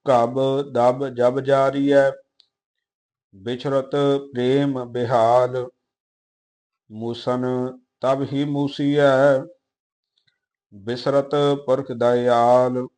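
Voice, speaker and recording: A man reciting scripture slowly in a measured chant, with quick, quieter spoken notes on pronunciation. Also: mid-range voice, level tone.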